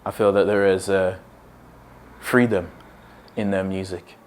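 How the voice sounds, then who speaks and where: A man with a very deep, low voice who speaks in a thoughtful, unhurried way. He reflects calmly on playing music with his band. The recording is a plain interview. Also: clean tone. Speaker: saxophonist. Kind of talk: documentary interview.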